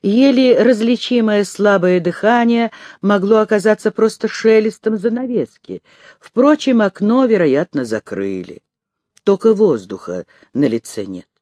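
A man's voice: high voice, animated, measured pace, darkish tone, dry recording. Man reading a tense first-person audiobook. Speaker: audiobook reader.

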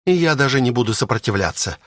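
Brief: male reader doing ancient scornful maid-guardian, sharp tongue, lifted pitch, dry booth sound. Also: lively intonation, fast talker, dry recording, lightly acted. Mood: bitter, scornful. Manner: haughty, bitter and sharp-tongued. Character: ancient spiteful woman guardian serving as maid. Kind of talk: audiobook reading.

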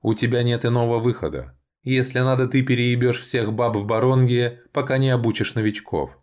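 A man's voice: mid-range voice, level tone, a little fast, a little mellow, pitched above the performer's own voice, natural voice. A man doing a haughty spiteful elf envoy. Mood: commanding.

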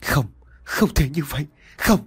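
Narrator doing a frantic husband yelling, high and loud. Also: male voice, fast, lightly acted. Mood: desperate. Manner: shouting, desperate. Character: distraught young husband.

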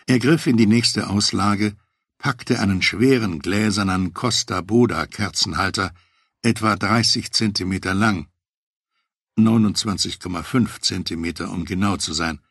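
A man narrating a memoir audiobook in a steady, matter-of-fact first-person voice on a close mic. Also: lowish voice, unhurried, slightly rough, no echo.

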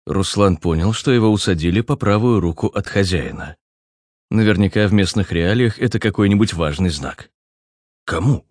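Brief: male audiobook narrator, deep voice, dry close recording. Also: normal speed, darkish tone, no room sound.

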